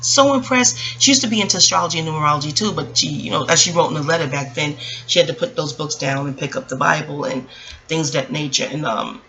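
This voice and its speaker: An American woman vlogs in a casual, reflective storytelling monologue, rambling off on tangents and speaking directly to her listeners. Her low-pitched voice is quick, bright, and forceful, and the low-quality recording carries a little hiss or hum.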